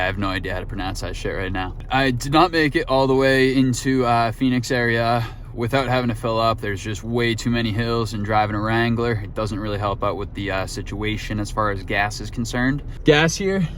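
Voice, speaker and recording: A man's voice: on the low side, fairly quick, a bit bright, slight background noise. A man vlogging casually from his car on a road trip, chatty and laid-back, swearing now and then. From Boston. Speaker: sneaker vlogger. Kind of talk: casual vlog narration.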